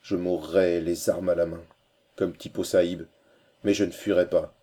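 A man voicing a proud, wounded old prince who speaks gravely and solemnly in an audiobook reading. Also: low voice, level tone, unhurried, dark tone. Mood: defiant.

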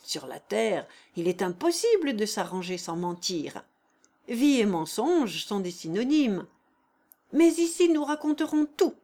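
A woman reading aloud and voicing a brash, mocking dead man who speaks loudly and taunts the others. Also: mid-range voice, sing-song, measured pace. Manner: loud, taunting, boastful.

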